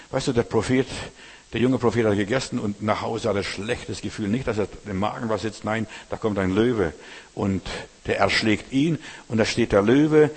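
A man's voice: on the low side, slightly rough. A man preaching a sermon as pastor, talking plainly and colloquially and turning straight to the listener again and again. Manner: colloquial, addresses listener directly with "weißt du". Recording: long hall reverb.

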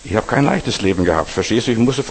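Husky preacher man in a reverberant hall. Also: lowish voice, lively intonation, fast. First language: not German. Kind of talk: sermon.

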